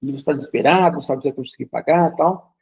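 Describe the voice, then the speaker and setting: Gravelly-voiced man teaching a class. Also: a little high, rapid-fire, darkish tone, rough recording. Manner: conversational, uses vivid hypothetical examples; frequent checking fillers. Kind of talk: recorded lecture.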